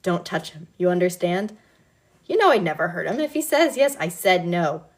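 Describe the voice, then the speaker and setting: A woman's voice: lowish voice, big pitch swings, normal speed. A woman reading aloud and voicing a smiling, dangerous young man with a sing-song manner. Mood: cold. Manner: sing-song, unsettlingly bright. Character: menacing cheerful young man.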